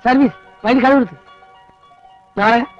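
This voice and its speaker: An actor playing a naive, bumbling young village man in a film comedy, blurting things out bluntly and deadpan. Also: very high-pitched, normal speed. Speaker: comic lead in a film. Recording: dull old film soundtrack, faint music.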